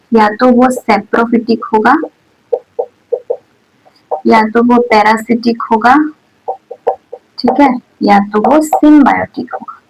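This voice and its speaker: A woman teacher giving a botany lecture, speaking softly into a new mic and checking in with "theek hai" and rhetorical questions. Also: a little high, low-quality recording. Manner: says "theek hai" and "dekho" constantly, asks rhetorical questions; speaks softly and holds back her volume. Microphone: newly bought mic.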